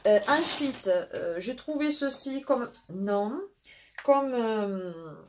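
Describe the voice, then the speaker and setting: A woman with a southwestern French accent, a mother chatting through a casual haul vlog in a rambling way, pausing often. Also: fairly high pitch, lively intonation. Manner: chatty and rambling, with frequent pauses and restarts. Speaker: vlogger and mother.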